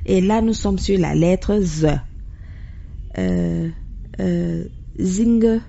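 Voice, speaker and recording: A woman hosting a radio language lesson, slowly repeating words after a guest to learn their pronunciation. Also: on the low side, vocal fry, mellow, lo-fi sound, slight background noise. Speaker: radio host.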